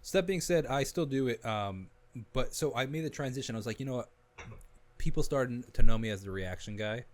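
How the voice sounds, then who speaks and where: A young man, a musician guest on a podcast, telling his story in a casual, animated way with frequent restarts. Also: medium pitch, a little fast. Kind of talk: casual conversation.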